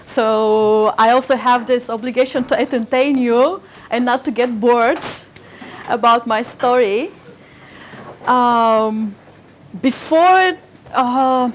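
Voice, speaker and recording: A woman in her forties, a native Turkish speaker from Bulgaria, shares a personal story at an event. She hesitates, restarts often, uses lots of fillers and laughs frequently; her voice is on the high side, with a little hiss or hum.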